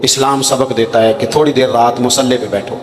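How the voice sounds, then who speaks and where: A man's voice: mid-range voice, level tone. A man, preaching a sermon and telling stories with acted dialogue. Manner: storytelling with dramatic acted quotes. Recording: echoey hall with long reverb.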